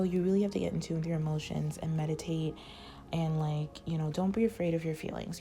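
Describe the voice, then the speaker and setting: A tarot reader gives a casual reading, rambling with lots of "like" fillers as she offers advice and gradually loses her voice. Her voice is lowish, gravelly, and warm.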